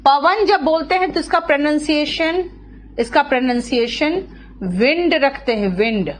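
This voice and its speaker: A woman's voice: high voice, slight background noise. A woman teacher, lecturing an online class, checking often whether students follow and calling on them by name. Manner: explains slowly, checks often with "clear?" and "है ना". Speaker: English teacher.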